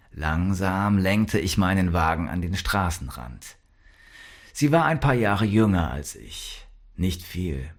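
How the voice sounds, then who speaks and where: A man narrates a crime audiobook in a measured, even reading. His voice sits very low, and he takes his time with each sentence.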